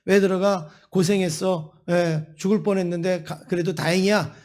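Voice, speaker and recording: Here is a kindly old grandfather from a spoken sermon story, put on by a male preacher. He speaks in a lowered, quiet voice, gently scolding but generous. The preacher's naturally high pitch still shows through. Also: steady tone, normal speed, close to an everyday voice.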